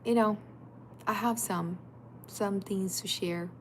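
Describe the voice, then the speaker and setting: In her thirties and a native Portuguese speaker, this woman coaches through a motivational livestream with emphatic, direct, repetitive second-person urging. Her mid-range voice keeps fairly even intonation and a slow pace. The recording has a noisy background.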